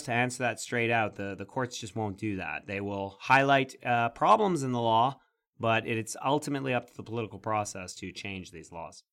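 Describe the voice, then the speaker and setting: A man co-hosting a podcast on animal law, explaining legal points in a measured way with wry, sarcastic asides. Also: medium pitch, fairly bright tone. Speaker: podcast co-host. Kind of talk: casual legal podcast discussion.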